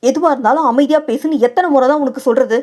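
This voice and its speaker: A woman's voice: high-pitched, fast, darkish tone. A stern young husband, firm but caring, who scolds and warns, as a woman narrator acts him out in an audio novel. The voice stays the reader's own, lifted a little in the heated lines. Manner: firm, reproachful, warning.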